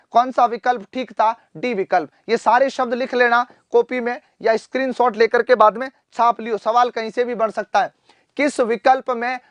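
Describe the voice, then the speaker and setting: A man teaching Hindi in a live online exam-prep class, repeating answers and quizzing students back, often clearing his throat. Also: very high voice, fairly bright tone, no room sound. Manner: addresses students fondly as "beta".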